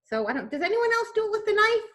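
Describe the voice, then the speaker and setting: This cooking instructor is leading a relaxed demonstration by video call, talking chattily and homily and frequently starting sentences over. She speaks fast in a very high, slightly bright voice with big swings in pitch.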